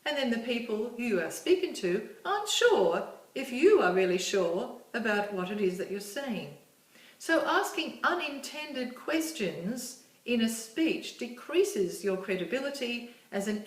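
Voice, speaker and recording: A woman giving a measured, explanatory recorded lecture as a course instructor. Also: fairly high pitch, very animated. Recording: echoey room, distant mic.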